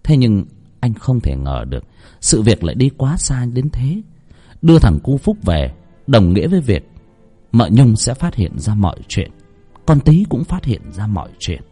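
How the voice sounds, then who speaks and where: Husky-voiced man telling a ghost story. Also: medium pitch, normal speed, faint music behind. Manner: expressive, swooping delivery. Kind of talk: dramatic ghost-story narration.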